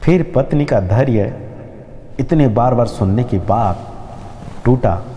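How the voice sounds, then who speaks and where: Mellow male storyteller with reverb. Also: mid-range voice, takes it slowly, muffled recording. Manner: expressive, dramatic storytelling. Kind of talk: spiritual story narration.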